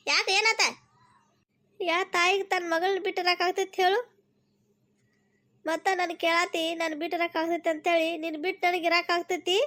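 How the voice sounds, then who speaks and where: Cartoon village mother with a North Karnataka accent, played by a woman, very high bright voice, tender and coaxing. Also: level tone, fairly quick, long pauses. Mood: tearful. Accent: North Karnataka Kannada. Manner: tender, coaxing, scolding gently. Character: loving village mother, tearful at daughter's marriage. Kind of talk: cartoon voice acting.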